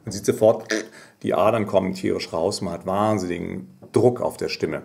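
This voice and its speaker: Male singing teacher, lower register, patient explainer who breaks into sung examples. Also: normal speed, gravelly, loud music behind the voice. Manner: explanatory, sings short demonstration phrases. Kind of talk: voice lesson.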